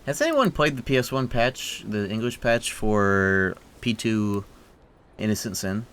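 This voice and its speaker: A man's voice: fairly low pitch, lively intonation, a little slow, fairly bright tone, clear, resonant tone. A man streaming a video game, chatting casually and rambling into rants with plenty of swearing. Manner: rambling, ranty, swears freely. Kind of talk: casual livestream chat.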